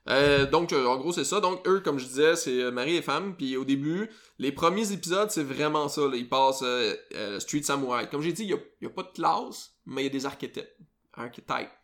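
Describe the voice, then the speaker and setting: A man's voice: fairly high pitch, expressive, brisk, few pauses, fairly bright tone. A man with a Quebec French accent hosting a podcast, chatting casually and rambling with many fillers and self-corrections. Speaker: podcast host. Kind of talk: casual chat.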